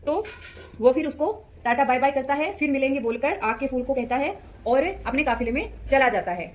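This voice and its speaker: A woman's voice: high voice, fairly quick. A woman teacher reading a story aloud to children, explaining as she goes and asking the listeners questions. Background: background music.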